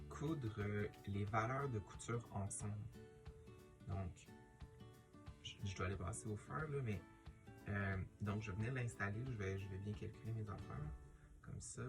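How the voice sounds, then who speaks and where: Low-pitched Québécois man over guitar music. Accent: Quebec French. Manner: hesitant, thinking aloud while working. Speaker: sewing tutorial host. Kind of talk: casual hands-on demonstration.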